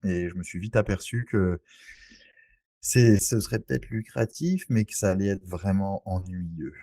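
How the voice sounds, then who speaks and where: A low-voiced man from Saint-Barthélemy in the French Antilles talks informally as a podcast guest and real estate investor. He explains things conversationally at a measured pace, with a warm tone and no room sound.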